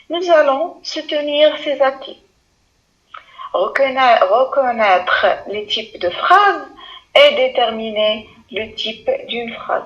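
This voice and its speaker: A woman's voice: high-pitched, a bit bright, dull audio. A woman teaching a lesson to primary school pupils, speaking patiently, repeating words and addressing the class directly.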